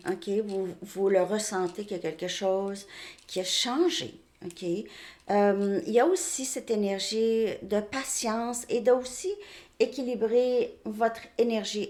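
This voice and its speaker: A woman's voice: mid-range voice, darkish tone. A woman from Quebec with a Québécois French accent, chatting casually through a tarot reading and often checking in with "ok?". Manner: chatty, repeats "ok?" often, frequent restarts. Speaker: tarot reader. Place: home, outside Montreal suburbs.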